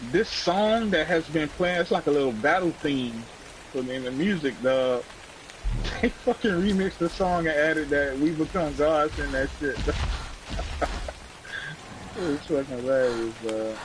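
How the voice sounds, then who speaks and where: A man's voice: fairly high pitch, moderate pace, low-quality recording. A young man casually chatting with a friend while playing a game, slangy and profane, rambling and laughing often. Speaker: gamer. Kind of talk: casual gameplay chat with a friend. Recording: steady rain-like background hiss.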